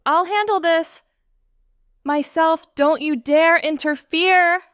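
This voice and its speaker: Reckless teenage girl, shouty and high; played by a woman narrator. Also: steady tone, slow pace, no room sound, clean studio sound, full character voice. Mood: shouting. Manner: shouting, impulsive.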